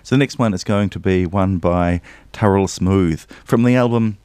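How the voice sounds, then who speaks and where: A New man runs a radio music show, chatting cheerfully and rambling between tracks. His voice sits very low, and the dry studio microphone leaves almost no room sound around it. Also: moderate pace, a little mellow, smooth, dry recording. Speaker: radio DJ and host. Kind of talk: casual radio DJ links.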